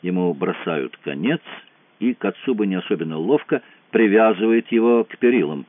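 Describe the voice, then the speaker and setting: A man narrating an action novel with a fairly low voice that moves up and down a lot as he tells the story. His delivery is measured and expressive. The sound is dry, narrow and phone-like. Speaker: audiobook narrator.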